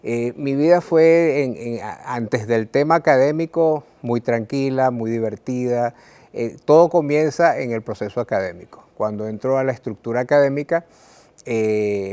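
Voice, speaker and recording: A Venezuelan man, a writer, speaking earnestly and reflectively to the viewer about his life, with frequent "eh" pauses and repeated words. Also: mid-range voice, a little mellow. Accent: Venezuelan Spanish. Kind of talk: reflective personal talk to camera.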